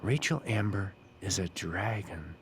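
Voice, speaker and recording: An actor playing a creepy, cryptic school groundskeeper in a video game, with a throaty, Muppet-like voice and a slow, ominous, philosophical drawl. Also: male voice, lively intonation. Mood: cryptic, solemn. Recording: clear background ambience with low rumble.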